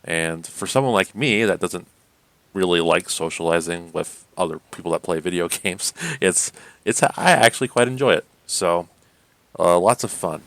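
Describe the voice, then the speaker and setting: A man co-hosting a podcast, chatting casually about games in a rambling way, full of fillers and quick laughs. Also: low-pitched, fairly even intonation, a bit bright, dry recording. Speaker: podcast co-host. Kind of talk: casual gaming chat.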